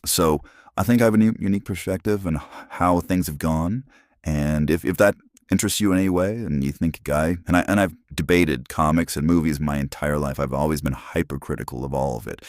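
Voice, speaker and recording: Guy in his 40s on a voice changer, super deep pitch, dry close sound, rambly. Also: a little fast, darkish tone, no room sound. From Arizona, USA. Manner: rambling, many restarts. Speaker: channel host. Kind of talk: casual rambling monologue. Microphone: phone.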